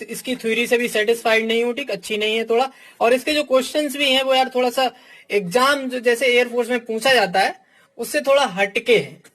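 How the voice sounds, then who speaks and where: With a very high, fairly bright voice, a frank male exam coach reviews books in a casual teaching talk. He fills almost every phrase with "ठीक" and speaks directly to the students, addressing them as "my dear".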